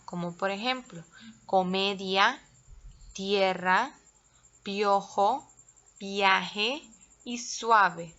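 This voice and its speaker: Slow, careful woman teacher. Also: medium pitch, a bit bright, lo-fi sound. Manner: slow, careful, spells out syllables. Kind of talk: recorded classroom lesson.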